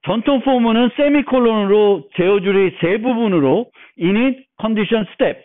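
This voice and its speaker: A man's voice: high voice, a little slow. A male university lecturer giving a recorded programming lecture, explaining step by step with fillers and restarts. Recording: narrow phone-like audio.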